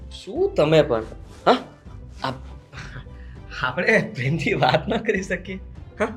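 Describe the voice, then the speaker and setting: A man's voice: high voice, sing-song, takes it slowly, a bit bright, faint music behind, exaggerated voice. An actor playing a pushy young brother-in-law who pesters his sister-in-law with insistent, wheedling talk. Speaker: actor in a web drama.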